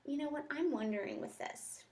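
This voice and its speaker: A woman teacher gives a think-aloud reading lesson, reading and commenting reflectively as she works through her thoughts step by step. Her voice is high-pitched and dark, moving fairly quickly.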